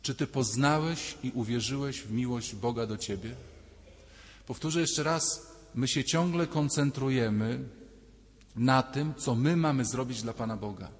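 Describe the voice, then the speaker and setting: A man preaches in a relaxed, conversational way and slips into quick voices for the people in his examples. His voice sits in a middle register. A long church reverb trails after every phrase. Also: medium pitch. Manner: conversational, acting out quoted voices. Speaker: priest. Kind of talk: sermon.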